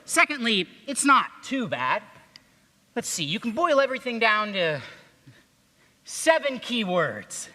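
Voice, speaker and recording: An actor playing a cocky young know-it-all cadet in a stage musical. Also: male voice, very high voice, sing-song, a little slow, long pauses, sharp tone, exaggerated voice. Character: eager young male cadet, cocky know-it-all showing newcomer ropes. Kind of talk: stage musical acting and singing. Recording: reverberant hall stage recording.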